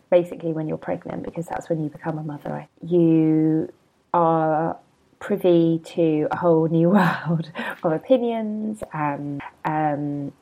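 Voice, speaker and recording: A woman's voice: sits low, lo-fi sound. A woman in her thirties hosting a casual solo podcast, chatty and self-deprecating, rambling into asides, a bit hungover. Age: 30s. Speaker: podcast host and blogger.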